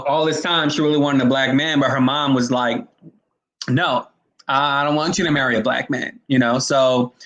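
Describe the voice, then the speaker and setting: A man's voice: medium pitch, fairly bright tone, rough recording. A man hosting a casual commentary stream, talking bluntly to his viewers and rambling between points. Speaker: commentary host.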